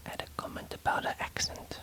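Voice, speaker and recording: In this whispered ASMR clip, a man edits a story aloud, hesitating with fillers and correcting himself as he goes. His voice is bright and forceful, running a little fast.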